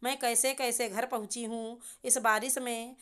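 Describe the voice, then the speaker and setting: A woman's voice: a little high, level tone, measured pace, fairly bright tone. A woman voicing a young working wife who protests earnestly against being blamed. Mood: indignant.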